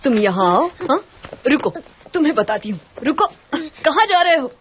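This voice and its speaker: An actress playing a worried, scolding woman in a dubbed drama, husky and bossy. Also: mid-range voice, very animated, moderate pace. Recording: muffled phone-like sound.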